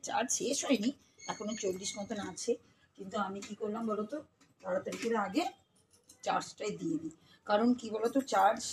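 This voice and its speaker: A woman with a Bengali accent and a mid-range voice chats casually with her viewers while cooking in her home kitchen. She speaks straight to them, occasionally slipping into baby talk with a child, and background noise can be heard.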